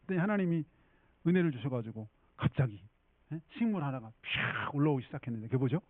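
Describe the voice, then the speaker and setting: A man's voice: medium pitch, expressive, quick pace, no room sound. A male pastor preaching a sermon in a chatty storytelling way, often checking in with the congregation. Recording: tinny phone-like dry sound.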